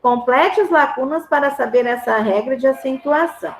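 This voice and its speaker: A woman's voice: high-pitched, moderate pace. A woman with a Brazilian Portuguese accent teaching a grammar lesson to a class, patiently repeating answers and checking that everyone follows. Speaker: schoolteacher. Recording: roomy echo.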